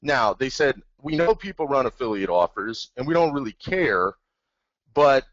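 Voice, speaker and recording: A man's voice: mid-range voice, big pitch swings, moderate pace, no room sound. Enthusiastic man on a dull web call. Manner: enthusiastic, rambling, plain-spoken. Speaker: webinar co-host. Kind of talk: casual webinar talk. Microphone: computer mic over an online call. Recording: dull, dry online call audio.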